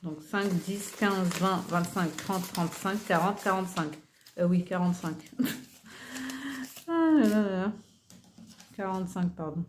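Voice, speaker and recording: A woman's voice: fairly low pitch, measured pace, pauses often. A woman in her forties chatting casually about her budget envelopes, filling her talk with hesitations and counting money aloud. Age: 40s. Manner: chatty, many fillers like euh and voilà. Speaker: budgeting vlogger. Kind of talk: casual chat while sorting cash envelopes. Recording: faint background noise with rustling clicks.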